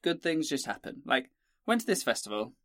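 A man's voice: a little high, sing-song, fairly quick, a bit bright, no echo. A man co-hosting a casual podcast, joking and wry as he riffs, in a tiny sound booth. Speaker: podcast co-host.

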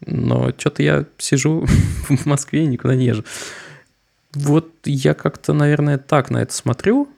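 A young man co-hosting a podcast, speaking loosely and wryly with a touch of sarcasm. His voice has a heavy gravelly fry throughout. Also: fairly high pitch, normal speed, a little mellow. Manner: wry, slightly sarcastic, loose and joking. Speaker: podcast co-host. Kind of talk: casual discussion.

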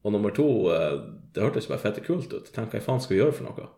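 A young man spins an excitable, swear-filled story with a lot of laughter. His fairly low voice is gravelly and swings up and down in pitch. The room around him sounds echoey. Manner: profane, excitable, laughs often, frequent fillers. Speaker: guest telling a story. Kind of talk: casual storytelling chat. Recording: roomy echo.

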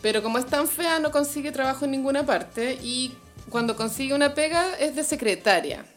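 A woman's voice: high-pitched, fairly quick, soft background music. A young Chilean woman co-hosting a podcast in casual chat, laughing often and finishing her partner's sentences. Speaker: podcast co-host.

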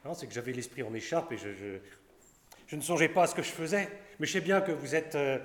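An actor playing an unhappy, henpecked husband who stammers, grumbles and repeats himself, in stage acting of a classic comedy. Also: male voice, a little high, fast talker, lightly acted. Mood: flustered. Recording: echoey hall with long reverb.

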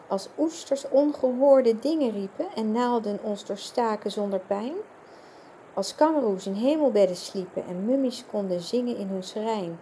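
A woman reciting a poem in a measured way. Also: medium pitch, mellow, a little hiss or hum. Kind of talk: poetry reading.

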